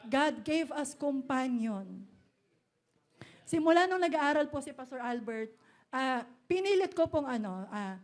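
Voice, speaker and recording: A middle-aged woman pastor with a Filipino accent, preaching a sermon in an animated way, mixing Filipino and English with playful asides. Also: high-pitched. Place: church hall.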